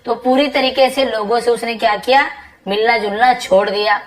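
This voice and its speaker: A woman English tutor explaining a passage word by word, reading each English phrase slowly and then going over it patiently and repetitively. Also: a little high, fairly even intonation, rough recording. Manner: patient, repetitive teacher talk with frequent checks like "ठीक है".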